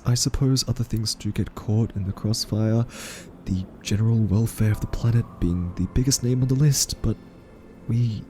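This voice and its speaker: In an audio roleplay, a man with a lowish voice plays an anxious, soft-spoken scientist. He reasons with his listener haltingly but earnestly.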